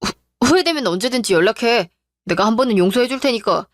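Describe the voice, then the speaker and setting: A woman's voice: on the high side, expressive, fast, no room sound, studio quality, close to an everyday voice. A woman voicing an entitled, pushy young male fiancé in a radio drama, talking in a self-pitying way.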